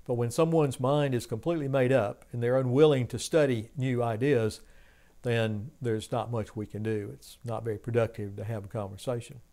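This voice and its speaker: An older man preaching a sermon from a home study, speaking in a measured, earnest way with rising emphasis on key points. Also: mid-range voice, warm tone. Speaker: pastor. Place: home study with bookshelves, indoors.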